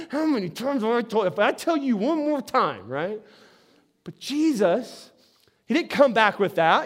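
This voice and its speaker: High-voiced man preaching conversationally. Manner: conversational, repeats words when starting sentences. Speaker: pastor. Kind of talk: sermon.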